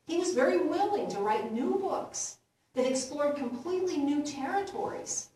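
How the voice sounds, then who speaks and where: A woman minister giving a gentle, unhurried sermon, laughing lightly at her own jokes. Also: sits high, animated. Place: church sanctuary. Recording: roomy echo from far off.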